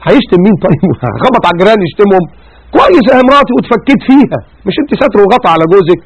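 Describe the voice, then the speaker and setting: A man with an Egyptian Arabic accent giving colloquial religious advice as a preacher, animated and full of rhetorical questions and repeated words for emphasis. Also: high voice, racing, breathy edge, no room sound, dull audio.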